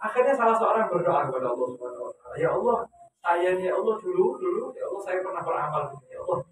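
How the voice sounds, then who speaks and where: A man's voice: high voice, lively intonation, racing, background noise. A man preaching at a religious gathering, telling a story with animation and asking the audience questions. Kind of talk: Islamic religious talk. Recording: echoey hall, distant mic.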